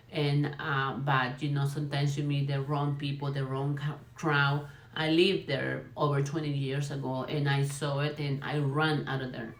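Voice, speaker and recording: Deep-voiced woman, forties, chatty gossip host, lots of fillers, echoey room sound. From Peru. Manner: chatty, rambling, many fillers and restarts. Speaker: YouTube channel host. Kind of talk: casual gossip commentary.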